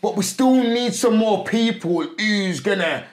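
A man's voice: high voice, animated, a little slow. A man telling stories in a casual, slangy way as a podcast guest, often repeating himself. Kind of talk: casual storytelling chat. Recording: roomy echo.

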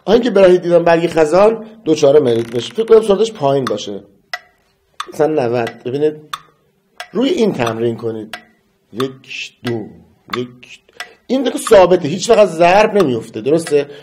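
A man teaching metronome practice in a casual lesson, counting beats aloud and humming a melody slowly. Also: on the high side, sing-song, mellow, slight background noise. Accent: Persian. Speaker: music teacher.

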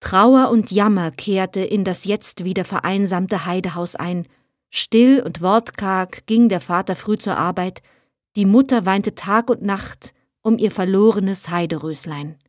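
A woman, an audiobook reader, narrating a fairy tale in a measured, expressive reading. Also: mid-range voice, no echo, studio quality. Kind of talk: storybook narration.

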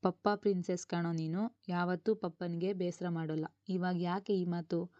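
A woman voicing an affectionate middle-aged father, gentle and doting. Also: fairly low pitch, steady tone, moderate pace, no echo, lo-fi sound, close to an everyday voice. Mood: tender.

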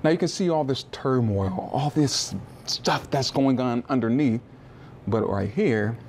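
A planetarium manager with a mid-range, darkish voice gives an informal guided tour, first on an outdoor rooftop observatory and then in an indoor exhibit room. He's friendly and chatty, with lively intonation, a measured pace, and small restarts and asides. There's slight background noise.

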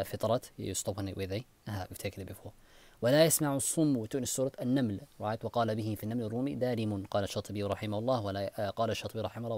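A man teaching a lesson on Quran recitation differences, explaining in English, quoting and chanting Arabic verses, asking rhetorical questions and pausing with fillers. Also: lowish voice, a little mellow. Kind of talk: recorded lesson comparing Quran readings.

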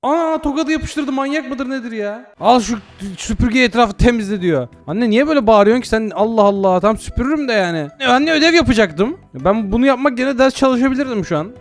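A man hosting a virtual reality game video, commenting excitably with loud mock outrage and casual swearing. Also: extremely high pitch, quick pace, few pauses, faint music behind. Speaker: gaming channel host.

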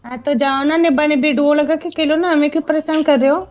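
Sassy high-voiced girl snapping back in game chat, muffled lo-fi audio, faint music. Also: steady tone, fast, a little mellow. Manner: mocking, rude. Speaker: player in voice chat.

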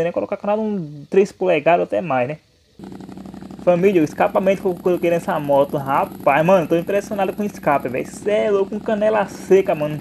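Here the Brazilian motovlogger's high voice shows vocal fry and a darkish tone, with a bit of hiss or hum in the recording. He is a young man giving excited, slangy vlog commentary, repeatedly dropping filler tags like "né" and "hein".

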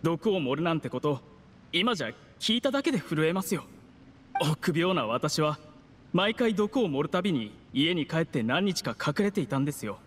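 A man's voice: on the high side, very animated, moderate pace, in a large hall, slight background noise. A man voicing a timid, scheming official in an anime game, speaking in an obsequious, humble and apologetic manner. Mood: timid, nervous. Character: timid, servile male official, meek scheming poisoner.

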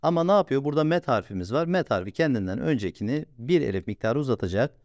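A man gives a step-by-step reading lesson, patiently stretching out sounds and asking his own questions before answering them. His pitch rises and falls in a lively way. The voice sits close and dry on the mic, with no room around it. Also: no room sound. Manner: patient, repeats sounds slowly and asks himself questions. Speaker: religious reading teacher.

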